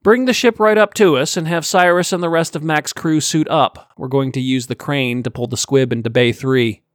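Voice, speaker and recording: A man voicing a wry, commanding male ship captain who talks briskly and sardonically. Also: a little high, steady tone, no echo, clean studio sound, pitched above the performer's own voice, natural voice. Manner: brisk, sardonic, giving orders.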